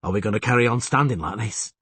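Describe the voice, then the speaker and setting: A man voicing a calm, unflinching monster hunter with a terse, dry manner in a fantasy audiobook. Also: on the low side, quick pace, slightly rough, no echo. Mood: calm, guarded. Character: calm, unflinching male monster-hunting swordsman, laconic and dry.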